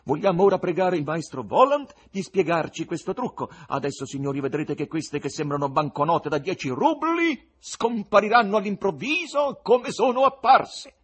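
A man doing a booming pompous compère. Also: very animated, normal speed, hardly any pauses, breathy edge, exaggerated voice. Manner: pompous, booming stage delivery. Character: pompous anxious male theatre compère.

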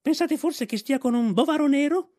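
A man's voice: very high voice, normal speed, a little mellow, voice pushed up. A man voicing a small, vain, boastful female dog in an audiobook, with a yapping, haughty manner. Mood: shrill boastful. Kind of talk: audiobook reading.

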